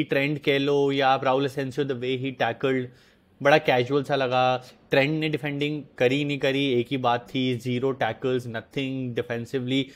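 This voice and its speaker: A young man giving his opinions on football in a casual vlog, chatty and switching between Hindi and English mid-sentence. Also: medium pitch. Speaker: football YouTuber.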